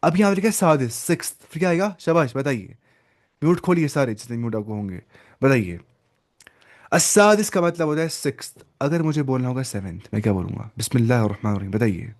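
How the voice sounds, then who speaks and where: A man's voice: medium pitch, expressive, no room sound. Patient male Arabic teacher, dry sound. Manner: explains slowly, switching between Urdu, Arabic and English, often repeating words. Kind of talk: online class teaching.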